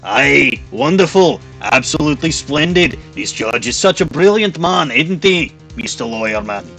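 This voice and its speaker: A man's voice: a little high, expressive, a little slow, fairly bright tone, faint music behind, pitched above the performer's own voice. Man doing a sarcastic Scottish-accented prosecutor woman. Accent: put-on Scottish. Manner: sarcastic, mocking. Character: haughty female prosecutor with a mock Scottish accent.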